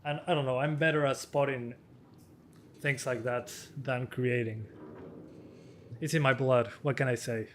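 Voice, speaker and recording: A man in his twenties, slightly hoarse, casually answering viewer questions on a live stream as a hardware tester with quick chuckles. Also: mid-range voice, fairly even intonation, a little hiss or hum. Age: 20s.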